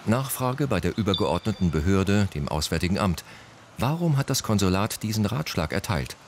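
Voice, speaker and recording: A man reading a scripted news voice-over in a measured, even way. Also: low voice, slight background noise. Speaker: news narrator.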